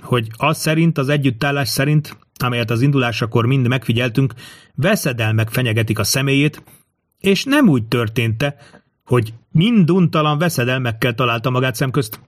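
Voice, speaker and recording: A man voicing a calm, bold court astrologer who speaks in a solemn, measured way, in a dry close recording. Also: medium pitch, no echo, natural voice. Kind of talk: audiobook character reading.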